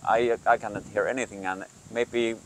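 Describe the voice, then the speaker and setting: A man who is not a native English speaker gives an informal outdoor lesson as a hunting instructor, explaining in a halting, hesitant way. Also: fairly low pitch, steady tone, a little hiss or hum. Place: outdoors in the countryside.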